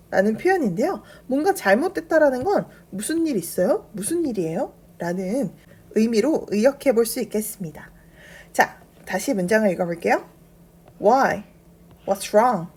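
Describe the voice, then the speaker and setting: Breathy woman teaching English to beginners. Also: a little high, a little mellow. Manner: slow, careful repetition of English phrases; explains grammar patiently step by step.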